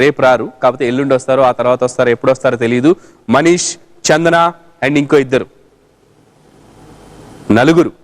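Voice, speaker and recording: A man hosting a TV quiz show, teasing a young contestant playfully and reading out contest instructions announcer-style. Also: mid-range voice. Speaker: game show host.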